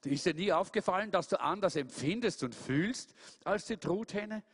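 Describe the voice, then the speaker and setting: A man doing a gentle old wise owl. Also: high-pitched, lively intonation, normal speed, husky, voice pushed up. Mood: coaxing. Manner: gentle, coaxing.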